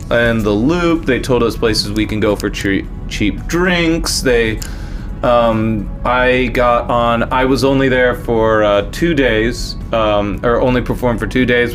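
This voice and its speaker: He sounds like a comedian running his own podcast. His voice sits at an ordinary middle pitch, and he talks in a loose, conversational way, firing off questions. Faint music plays underneath. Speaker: podcast host. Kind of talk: casual chat.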